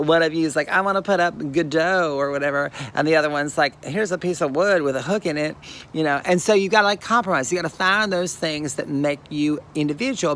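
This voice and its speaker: A man's voice: fairly high pitch, gravelly, fairly bright tone. A man sending an effusive, rambling video greeting from his trailer, full of encouragement and advice. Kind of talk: personal video message.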